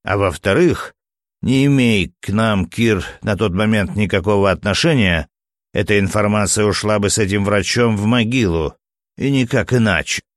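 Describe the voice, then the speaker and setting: A gruff, irritable doctor who snaps and turns sardonic, with a deep, low voice, read by a man. The sound is dry and close-miked, a storybook reading. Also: moderate pace, no room sound, close to an everyday voice.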